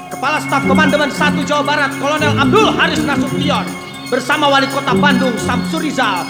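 A man narrating and singing in a musical drama, with stirring chants that break into shouts, heard on an old cassette tape recording. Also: very high voice, fairly even intonation, a little fast, roomy sound. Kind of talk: sung and declaimed musical theatre. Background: loud music score.

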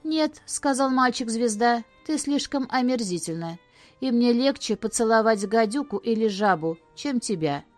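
A woman's voice: on the high side, lively intonation, normal speed, no echo, faint music behind, natural voice. A woman voicing a vain, cruel boy who speaks with sneering contempt in a storybook reading. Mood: scornful.

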